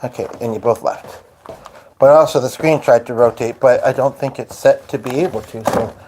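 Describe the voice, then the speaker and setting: This phone-recorded live stream has a noisy background, with a man of medium pitch speaking at normal speed. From home at his piano, he chats casually and rambles to viewers while getting ready to play; the source is Hungarian.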